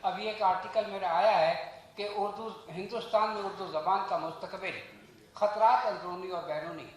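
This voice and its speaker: A man's voice: sits high, steady tone, moderate pace. A man giving a formal, earnest speech at a book launch, reciting verse and making rhetorical points. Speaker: guest speaker at a book launch. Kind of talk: formal speech on language and pronunciation. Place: event hall. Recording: very echoey hall.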